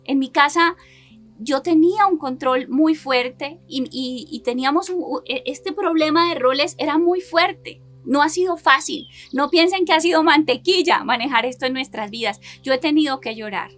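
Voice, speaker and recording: A woman's voice: sits high, moderate pace, few pauses, a bit bright, soft background music. A woman preaching a sermon and sharing a personal testimony, earnestly putting rhetorical questions to her listeners and building her points in repeated lists.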